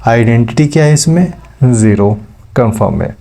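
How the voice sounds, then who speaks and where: A man's voice: medium pitch, lively intonation, moderate pace, vocal fry, dark tone. A man teaching maths step by step, checking in with his students as he explains. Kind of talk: classroom lecture.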